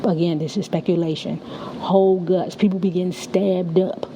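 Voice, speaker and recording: A woman's voice: on the low side, little pitch movement, moderate pace, warm tone, a little hiss or hum, rough recording. A woman giving casual, blunt, profane gossip commentary in slangy speech, slightly slurred by the retainer in her mouth. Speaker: YouTube commentary host.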